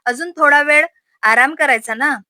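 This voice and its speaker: A caring older mother-in-law put on by a woman reading a story who speaks softly and fondly. The voice is bright and clear. The recording is dry and close. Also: high-pitched, normal speed, dry recording, voice pushed up. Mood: tender. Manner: soft, affectionate.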